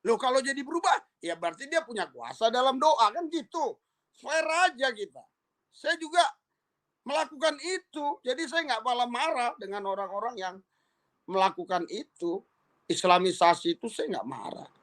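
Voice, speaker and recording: A man speaking as an evangelist in a casual monologue. His tone is calm and persuasive, and he keeps checking in with the listener through tag questions. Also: very high voice, moderate pace. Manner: conversational, full of tag questions and repeated "ya".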